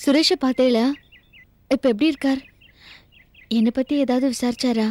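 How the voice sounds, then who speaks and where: A woman's voice: high-pitched, normal speed, natural voice. An actress playing a devoted young woman firmly standing by her decision, in a TV serial. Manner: earnest and determined. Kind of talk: TV serial acting.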